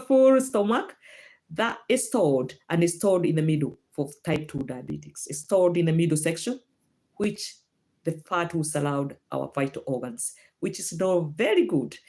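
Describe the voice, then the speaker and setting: A Kenyan woman with a mellow, lowish voice hosts a casual livestream health talk over a phone or laptop. She responds to viewer comments, using lots of fillers and restarting sentences often, in her Kenyan accent.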